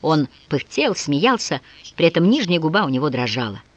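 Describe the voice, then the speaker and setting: A woman narrating an audiobook with expressive, varied intonation. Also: deep voice, moderate pace, no echo. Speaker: audiobook reader.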